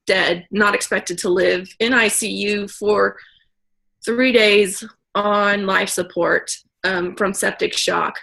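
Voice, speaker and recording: A woman giving a casual personal testimonial in a halting way. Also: medium pitch, gravelly, a bit bright, rough recording. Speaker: participant giving a health testimonial.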